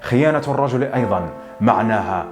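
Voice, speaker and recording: A man's voice: mid-range voice, expressive, over music, natural voice. A man reading the lines of a defiant divorced woman who scorns gossip and convention, in a scornful, questioning manner. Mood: indignant. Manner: scornful, cutting, rapid-fire questions. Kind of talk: audiobook narration.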